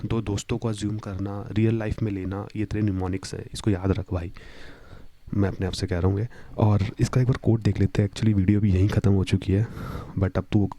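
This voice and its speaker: Young male tutor, relaxed and chatty, lowish warm voice, screen-recording lesson feel. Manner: chatty, storytelling with repeated "ठीक है". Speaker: coding tutor. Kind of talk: casual explainer lesson.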